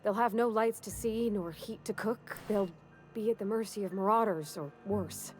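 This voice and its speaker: A woman's voice: mid-range voice, normal speed, faint music behind, natural voice. A woman voicing a plain-spoken, working-class townswoman in video game dialogue, with a homespun drawl and country grammar. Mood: folksy, wistful.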